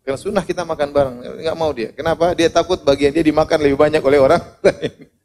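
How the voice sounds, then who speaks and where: A man's voice: on the high side, fast, slight background noise. A man preaching an Islamic sermon with humorous storytelling, acting out the voices of the people in his stories. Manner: animated, humorous, acts out quoted voices.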